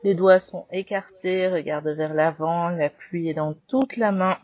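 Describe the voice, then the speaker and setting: Calm slow-spoken French yoga teacher woman. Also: fairly low pitch, no room sound, highs cut off. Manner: calm, slow spoken cues with breath counts. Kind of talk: guided yoga class instruction.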